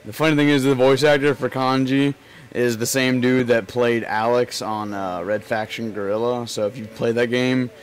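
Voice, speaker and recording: A man's voice: medium pitch, fairly even intonation, normal speed. A young man with a lisp giving rambling, joking commentary as he plays a video game. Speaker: let's play commentator. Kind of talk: casual gameplay commentary.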